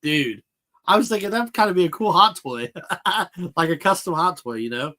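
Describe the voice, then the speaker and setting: Bright-voiced man chatting casually. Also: high-pitched, animated. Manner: casual, answers viewer chat aloud, drawn-out fillers. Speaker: toy collector channel host. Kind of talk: casual live-stream chat.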